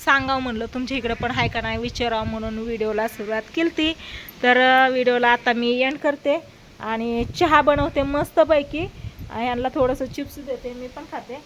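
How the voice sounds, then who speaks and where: A woman's voice: a little high, fairly even intonation, moderate pace, fairly bright tone, rough recording. A woman chatting casually in a home vlog outdoors, coaxing her pets in a sing-song voice. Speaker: vlogger. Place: outdoors at a house doorway, windy and rainy. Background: faint wind and rain.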